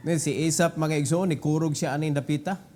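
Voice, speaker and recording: Cebuano pastor guy preaching, pretty high voice, mixes in english, gets loud and emphatic. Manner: mixes English into his preaching, builds to raised emphatic passages. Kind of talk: sermon.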